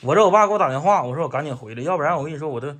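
A man's voice: on the high side, expressive, racing, fairly bright tone. A man with a Northeastern Mandarin accent bantering jokingly with his family in casual chat. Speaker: vlogger, husband and father.

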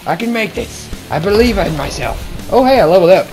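A young man giving excitable, casual commentary as he plays a game, talking to himself and his viewers. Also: sits high, a little fast, faint music behind. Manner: excitable, talks to himself and viewers, shouts when he falls. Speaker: gaming video host.

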